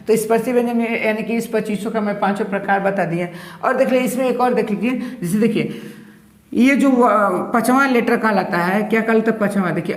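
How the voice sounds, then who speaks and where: A male teacher giving a grammar lesson, asking his own questions and answering them with repeated terms. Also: sits high. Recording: roomy echo.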